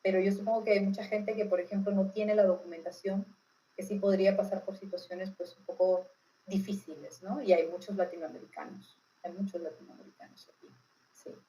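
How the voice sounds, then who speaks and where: This rough recording features a Peruvian woman, a political expert under interview, whose medium-pitched voice is warm, level and brisk. She explains in a casual, didactic manner with a Peruvian accent, often tacking on tag questions to check understanding.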